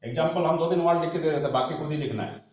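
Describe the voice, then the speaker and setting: A man explaining shorthand in a classroom, spelling out letters as he writes and often trailing off softly. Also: fairly high pitch, rapid-fire. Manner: talks while writing on a board, spells letters aloud, trails off softly. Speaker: shorthand teacher. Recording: echoey dull room recording.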